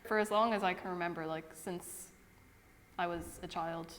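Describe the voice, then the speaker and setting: Brief: young woman interviewee, hesitant, low flat voice. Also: normal speed, long reverb tail, slight background noise. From Ireland. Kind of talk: documentary interview.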